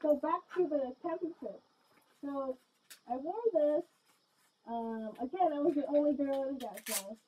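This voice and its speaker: A woman's voice: high-pitched, unhurried. Giggly woman talking through a gas mask. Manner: chatty, many fillers, giggly. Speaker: vlogger. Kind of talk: casual rambling chat to camera. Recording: dull lo-fi sound.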